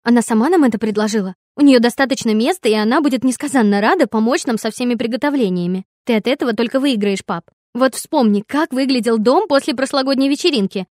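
A woman voicing a spoiled, furious eighteen-year-old girl, shrill and whiny as she shouts. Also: lively intonation, moderate pace, hardly any pauses, no room sound, studio quality.

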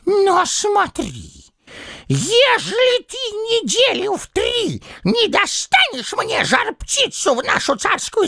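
A man voicing a hot-tempered old tsar who blusters, mocks and shouts threats in a shrill, strained voice. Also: gravelly, no room sound, studio quality, exaggerated voice.

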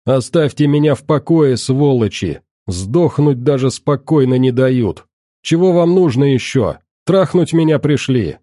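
A man voicing a bitter, despairing middle-aged woman who shouts insults. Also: mid-range voice, lively intonation, measured pace, no room sound, clean studio sound, pitched above the performer's own voice. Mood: furious.

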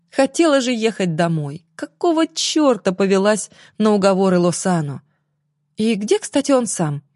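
Woman reading an audiobook, expressive and dramatic, mid pitch, dry close sound. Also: no echo. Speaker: audiobook narrator. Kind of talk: scripted narration.

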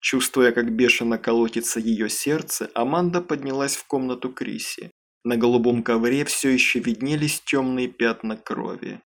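A man giving scripted audiobook narration in an even, measured reading. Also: medium pitch.

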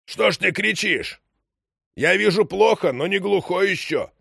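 A man doing a gruff old ship's engineer. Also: sits high, animated, unhurried, a bit bright, dry recording, clean studio sound, pitched above the performer's own voice, heavily acted. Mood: insistent. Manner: scolding, insistent, raised voice.

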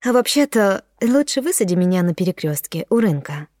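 A woman voicing a tired young woman who answers flatly and coldly. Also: mid-range voice, brisk, no echo, studio quality, lightly acted. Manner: flat, cold, tired. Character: weary young woman, cold and detached.

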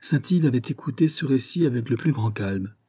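A man reading a saint's legend aloud as an audiobook, in a measured, deliberate way. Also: mid-range voice, animated, warm tone, slightly rough. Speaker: audiobook reader. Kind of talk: storybook narration of a saint's legend.

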